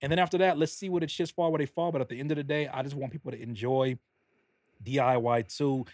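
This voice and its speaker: A man's voice: medium pitch, fairly even intonation, fast, darkish tone, dry recording. A man, a rapper and producer guesting on a podcast, earnestly and animatedly explaining his album pre-order bundle. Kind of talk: casual podcast chat.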